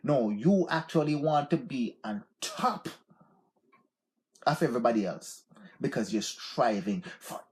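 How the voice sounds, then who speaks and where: With a medium pitch, a Jamaican-accented man in his forties hosts an unscripted live stream. His motivational talk rambles and repeats, and "yeah, man" comes up often.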